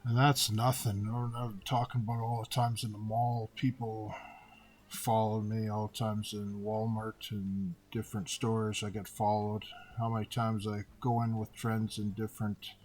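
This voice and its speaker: A man's voice: on the low side, a little slow. A man in his fifties from Canada, telling personal stories in a casual monologue and acting out both sides of the dialogue. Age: 50s. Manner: animated retelling, acting out dialogue with repeated "and I said".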